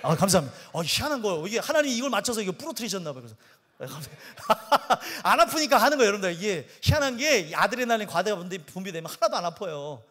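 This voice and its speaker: A man's voice: sits high, sing-song, fast talker, a bit bright, long reverb tail. A male pastor telling a humorous story in a sermon and acting out the people in it. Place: church sanctuary.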